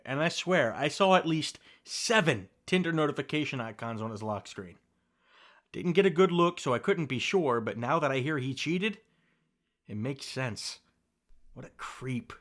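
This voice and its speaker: Soft, gentle reassurance comes from a young man voicing a best friend in a scripted ASMR piece, his voice sitting in the mid range. He laughs teasingly here and there, and the sound comes from a close studio mic.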